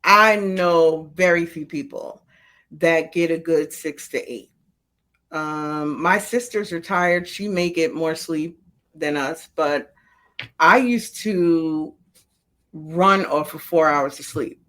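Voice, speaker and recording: A woman's voice: low-pitched, slow, fairly bright tone. A middle-aged woman speaking casually as an interview guest, explaining things colloquially through personal examples. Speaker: sleep coordinator, interview guest.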